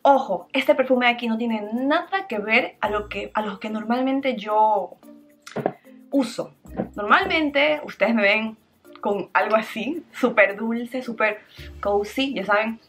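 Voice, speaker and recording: A chatty, bubbly young woman with a slightly high voice, reviewing a perfume in a relaxed vlog. She often stretches emphasis words, and faint music plays underneath. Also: slow pace. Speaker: beauty vlogger.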